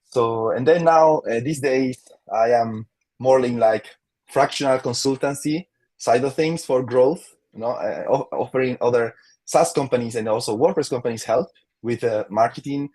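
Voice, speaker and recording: A man's voice: mid-range voice, moderate pace, a little mellow. A man from Chile with a Chilean Spanish accent, a guest in a casual interview, talking with many fillers and restarts and laughing easily.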